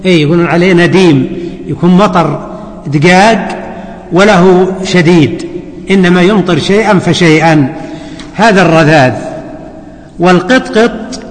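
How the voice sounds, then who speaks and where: A man teaching a hadith lesson as a scholar, deliberate and repeating key words for his students. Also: high voice. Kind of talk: classroom commentary lecture. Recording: long hall reverb.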